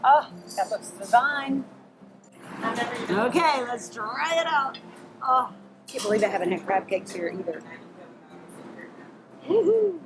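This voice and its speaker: A woman's voice: fairly high pitch, animated, measured pace, long pauses, music in the background, low-quality recording. A woman hosting a TV show, chatting on a cooking segment and exclaiming over the food. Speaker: TV show host. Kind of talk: casual chat on a cooking segment.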